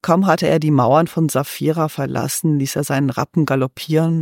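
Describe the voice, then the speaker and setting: Gravelly male storyteller, dry close sound. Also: medium pitch, dry recording. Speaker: narrator. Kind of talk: storybook reading.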